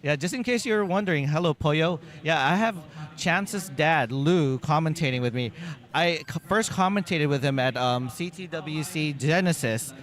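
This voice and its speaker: A man commentating a live esports match, giving enthusiastic and quick play-by-play calls. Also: fairly high pitch, a bit bright.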